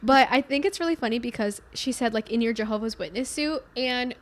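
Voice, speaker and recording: A woman's voice: a little high, fairly quick. A young woman co-hosting a podcast in casual, chatty talk full of fillers. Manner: chatty, filler-heavy, lively. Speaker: podcast co-host. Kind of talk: casual chat.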